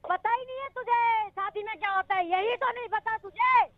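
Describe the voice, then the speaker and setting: A man's voice: extremely high pitch, moderate pace, dry recording, narrow, tinny audio. A man angrily scolding and insulting someone over the phone. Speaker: phone caller. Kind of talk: angry phone complaint.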